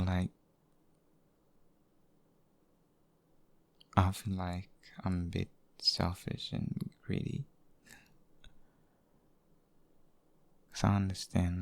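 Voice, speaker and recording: A man voicing a devoted, possessive boyfriend in an intimate, hushed ASMR role-play, speaking haltingly and tenderly. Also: deep voice, creaky, dry recording. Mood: hesitant, confessing. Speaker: audio role-play performer.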